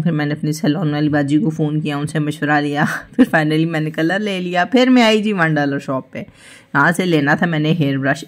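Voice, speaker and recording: A young woman, chatting through her shopping trip and listing prices in a friendly, easy way. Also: deep voice. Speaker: shopping vlogger. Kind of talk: casual voice-over narration of a shopping trip.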